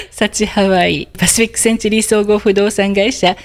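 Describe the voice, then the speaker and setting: A woman's voice: medium pitch, steady tone, moderate pace, a bit bright. A woman hosting a radio interview program, asking questions in a friendly, admiring way. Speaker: radio show host.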